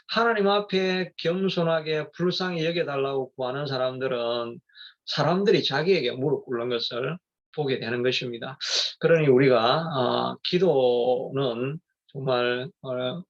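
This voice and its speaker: A man's voice: mid-range voice, gravelly, muffled recording. A middle-aged male pastor giving a rambling, conversational sermon with many fillers and restarts.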